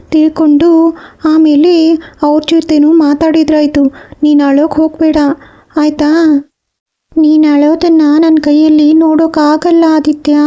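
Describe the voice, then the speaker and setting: A woman's voice: very high-pitched, dark tone. A woman playing a caring middle-aged mother who soothes her son and argues for him. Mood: soothing. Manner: soothing, reasoning, firm. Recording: slightly dull audio.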